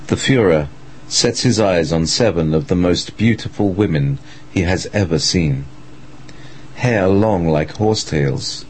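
Deep-voiced man narrating dramatically. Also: a little mellow, a little hiss or hum, rough recording.

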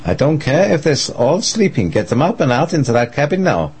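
A man plays a dictator's nervous, harried aide in a dramatised story. The voice sits far above his natural pitch, over clear noise. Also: big pitch swings, moderate pace, darkish tone. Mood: frantic, urgent.

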